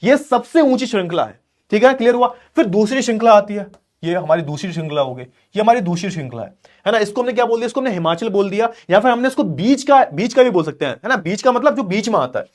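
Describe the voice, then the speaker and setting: A man's voice: high voice, lively intonation, fast talker. A male teacher giving an exam-prep lecture who repeats key terms, asks rhetorical questions and explains while drawing on a board.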